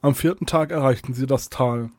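A man reads a fantasy adventure aloud in a steady, even storybook voice. His pitch sits in the middle, and the sound is dry and close with no room echo. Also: brisk. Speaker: narrator. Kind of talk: scripted storybook narration.

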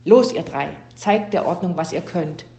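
A woman's voice: on the low side, brisk, darkish tone, lightly acted. A woman voicing a gleeful, menacing male personification of hate who snarls and barks commands, recorded in an echoey room. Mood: gloating. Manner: snarling, gloating, bossy commands.

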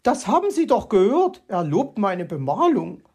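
A woman's voice: on the high side, big pitch swings, measured pace, darkish tone, breathy edge, voice pushed up, exaggerated voice. Frau Elster, a flustered magpie, as a woman reader puts her on. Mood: mocking. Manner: stammering, then mocking. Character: fussy, sharp-tongued female magpie, Frau Elster.

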